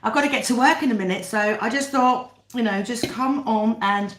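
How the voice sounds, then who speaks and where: Eating dinner mukbang-style on a casual livestream, a British-accented host chats with her viewers in an echoey room. She has a fairly high-pitched, fairly bright voice and talks at a normal speed.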